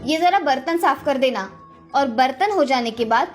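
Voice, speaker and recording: A woman voicing a harsh, taunting stepmother in a children's storybook tale, barking sharp orders. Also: high-pitched, expressive, moderate pace, soft background music. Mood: scolding. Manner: bossy, taunting, sharp commands. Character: harsh scolding stepmother, middle-aged woman.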